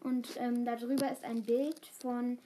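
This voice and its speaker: A woman reading a children's book aloud, unhurried, with small slips and fillers. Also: on the high side, level tone, dark tone, slight background noise. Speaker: reader.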